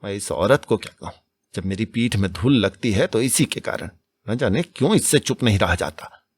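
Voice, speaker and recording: A man's voice: lowish voice, expressive, moderate pace, husky, dry recording. A man doing a weary, stern old farmer. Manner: stern, restrained. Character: weary, restrained middle-aged farmer.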